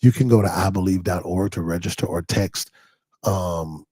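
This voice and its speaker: A man preaching a conversational sermon as pastor, in a Detroit accent, who rises into high excited calls when stirred. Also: normal speed, dry recording, clean studio sound. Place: church in Detroit.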